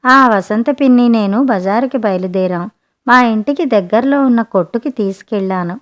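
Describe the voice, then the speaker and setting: A woman narrating a written short story in a gentle, expressive audiobook manner. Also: mid-range voice, moderate pace.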